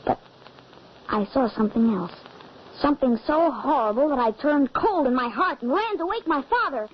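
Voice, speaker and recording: In a 1940s radio drama, a woman plays a frightened young boy, the son, telling the story urgently. Her voice sits high, animated and at a moderate pace, and the old recording is dull with faint hiss.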